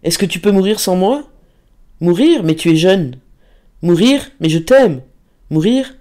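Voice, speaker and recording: A woman's voice: on the low side, big pitch swings, a little slow, warm tone. A man reading aloud and voicing a tender, desperate young woman pleading with her lover in a storybook. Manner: pleading, passionate.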